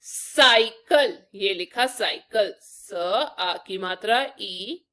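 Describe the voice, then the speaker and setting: A woman's voice: mid-range voice, very slow, pushed and bright. A young woman teaching young children to write letters, explaining each step patiently and asking them questions. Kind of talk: children's Hindi lesson.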